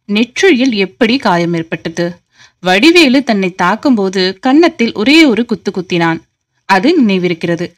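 A woman's voice: mid-range voice, very animated, measured pace, dry recording. A woman reading a suspense novel aloud as an audiobook, dramatically voicing every character in the dialogue. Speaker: audiobook narrator. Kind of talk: scripted novel narration with acted dialogue.

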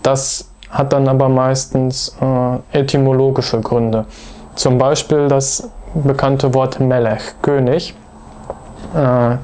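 A man giving a patient, methodical video lesson, pausing often with hesitation fillers as he explains grammar. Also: mid-range voice, warm tone. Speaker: language teacher.

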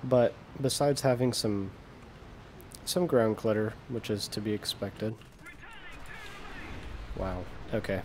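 Relaxed low-voiced American gaming commentator. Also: male voice, takes it slowly, long pauses, a little hiss or hum. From United States. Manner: relaxed, self-deprecating, trails off mid-sentence. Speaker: gaming video creator. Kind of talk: casual gameplay commentary.

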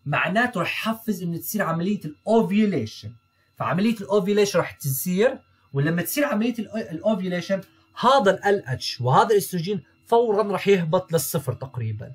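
Rapid-fire young male vet tutor. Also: sits high, fairly bright tone, slightly rough. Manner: rapid, repeats key terms, checks in with "okay?" and "تمام؟"; mixes English medical terms into Arabic. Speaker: veterinary student tutor. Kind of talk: recorded lecture over slides.

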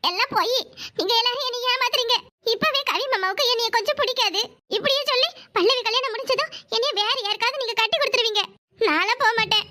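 A woman's voice: very high voice, quick pace, pushed and bright. A woman voicing a stubborn, tearful young village woman in a cartoon, pleading and insisting she will not leave. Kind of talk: cartoon voice acting.

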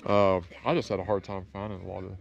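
A Southern American man in his thirties films himself at arm's length while chatting casually at an outdoor overlook for his travel vlog, friendly and happy to talk to strangers and animals. His low, gravelly voice is flat and quick, with the highs cut off. Guitar music plays in the background.

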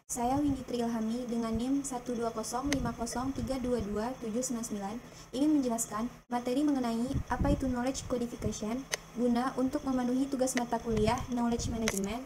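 A young woman, a student, reads her slide presentation aloud at an even, careful pace, working through lists. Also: fairly high pitch, noisy background. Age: young adult.

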